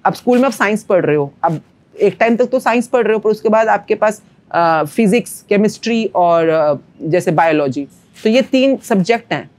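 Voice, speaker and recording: A woman's voice: mid-range voice, lively intonation, normal speed, darkish tone. A woman, a manifestation coach, speaking as a podcast guest and explaining ideas in an earnest, teacherly way with everyday analogies. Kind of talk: spiritual podcast conversation.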